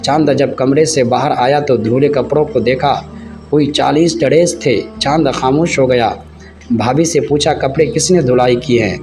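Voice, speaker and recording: A man narrating a moral story in a plain, steady reading voice. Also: medium pitch, a little slow. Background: soft music.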